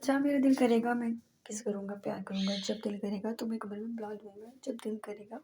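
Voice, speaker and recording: A woman's voice: fairly high pitch, steady tone, a little fast, mellow, lightly acted. Woman reading as a teasing bossy young husband.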